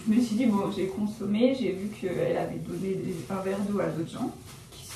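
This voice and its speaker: A woman's voice: medium pitch, fairly even intonation, normal speed, dark tone, recorded from a distance, slight background noise. A young woman chatting casually in a vlog as she dyes her hair, rambling and correcting herself with many fillers. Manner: rambling, self-correcting, lots of fillers like genre and euh; shy and reserved by her own account. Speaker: vlogger. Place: at home, indoors. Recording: roomy, from off the mic, faint background ambience.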